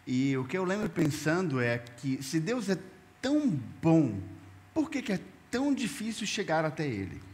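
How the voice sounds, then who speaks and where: A man's voice: on the high side, very animated, normal speed, a little mellow. A man working as the interpreter, repeating a preacher's phrases in the first person and sometimes restarting mid-phrase. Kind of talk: consecutive interpretation of a sermon. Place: church hall. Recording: echoey church hall, faint noise.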